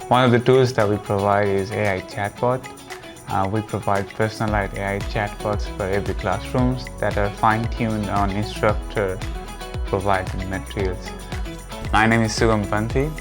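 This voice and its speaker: A man's voice: fairly low pitch, steady tone, moderate pace. A man co-founder introducing his startup plainly, with uh fillers. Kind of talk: pitch introduction. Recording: music playing underneath. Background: music.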